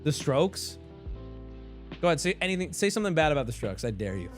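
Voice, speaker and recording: A man livestreaming, reacting to clips in casual chat and often bursting into excited shouting. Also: fairly high pitch, fast, soft background music.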